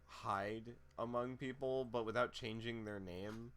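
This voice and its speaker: A man's voice: medium pitch, steady tone, measured pace, a bit bright. A man hosting a live tabletop game stream, chatting casually and joking at his own expense. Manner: self-mocking, joking. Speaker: stream host. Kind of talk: casual chat among tabletop players.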